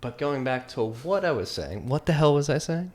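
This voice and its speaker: A man in his twenties hosts a casual podcast interview, drifting loosely from point to point and filling it with "like". His medium-pitched, darkish voice has a sing-song quality at a moderate pace.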